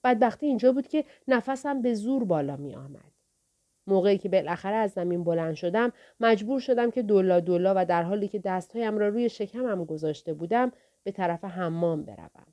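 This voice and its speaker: A woman narrating an audiobook in the first person with steady storytelling. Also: medium pitch. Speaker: audiobook reader.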